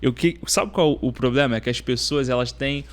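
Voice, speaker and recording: A man hosting a podcast, asking follow-up questions and giving motivational talk with deliberate repetition. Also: medium pitch, clean tone. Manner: motivational, repeats points, asks follow-up questions. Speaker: podcast host. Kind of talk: podcast interview.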